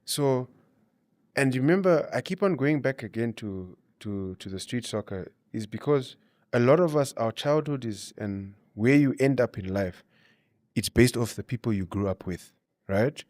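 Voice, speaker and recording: With a mid-range, slightly mellow voice, a man from Namibia offers advice and stories as an interview guest, expressive yet measured in pace. Frequent "you know" and "you see" punctuate his conversational explanations, recorded clean in a studio with no room sound.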